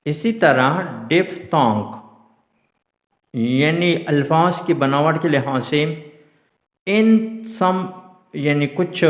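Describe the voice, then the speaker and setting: A man teaching English grammar at a whiteboard, explaining slowly, repeating terms and asking rhetorical questions. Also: a little high. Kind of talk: classroom lesson at a whiteboard. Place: classroom. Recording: very echoey room.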